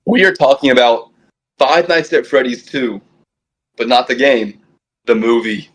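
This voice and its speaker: Speaking a little slowly in a husky voice, this young man co-hosts a casual fan podcast and talks excitedly, restarting often. The phone recording carries low-quality stream audio.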